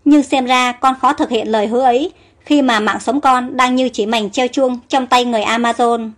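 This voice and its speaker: Dutiful young prince for an audio storybook, read by a woman; polite and earnest, high. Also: steady tone, normal speed, lightly acted. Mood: troubled.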